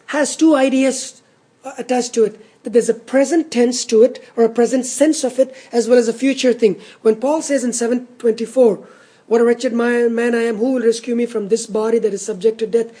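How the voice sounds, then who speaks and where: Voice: mid-range voice, fairly even intonation, moderate pace, mellow, breathy edge. A pastor preaching an expository sermon in an earnest, teacherly way, repeating key words for emphasis.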